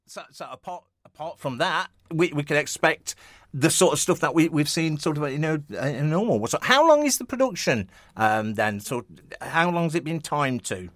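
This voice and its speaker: This radio host is a man whose slightly high, animated voice moves at normal speed with a bit of brightness, recorded at studio quality with no room sound. Interviewing a guest in a radio studio, he chats casually and jovially, rambling, restarting, using fillers and chuckling a lot.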